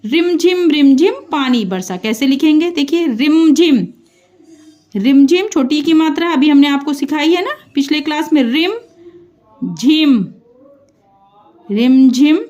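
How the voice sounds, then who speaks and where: A woman's voice: high-pitched, animated, measured pace, pauses often, a little mellow. A woman teacher giving a patient spelling lesson, breaking each word into syllables, stretching the vowels and checking in with the learners often. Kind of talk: slow classroom-style spelling lesson.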